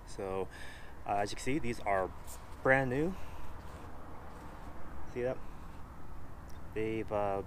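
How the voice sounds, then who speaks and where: A man's voice: fairly low pitch, slow, pauses often, a little hiss or hum. A man in his thirties talking casually to a camera held at arm's length in an outdoor backyard, reviewing running gear. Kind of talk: casual vlog chat. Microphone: action camera at arm's length.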